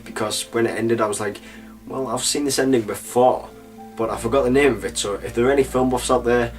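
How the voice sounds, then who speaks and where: A man's voice: mid-range voice, distant mic. A young man giving a casual, chatty film review, loose and full of filler phrases. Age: young adult. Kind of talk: casual spoken movie review.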